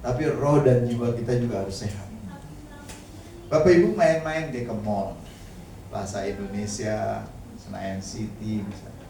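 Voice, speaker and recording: A man's voice: lowish voice, measured pace, vocal fry, pauses often, mellow, slight background noise. A man preaching a casual sermon in a church, speaking conversationally with humorous asides and often addressing the congregation directly. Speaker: pastor. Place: church hall. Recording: very echoey hall, mic at a distance.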